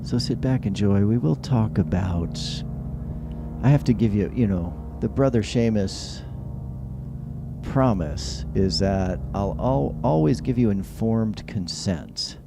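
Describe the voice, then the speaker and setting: A man's voice: fairly low pitch, animated, slow, creaky. A man hosting a casual late-night live stream in a rambling, conversational way, with whistling s sounds. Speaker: host of a live-streamed call-in show. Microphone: close handheld or stand microphone. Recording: music behind the voice. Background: background music.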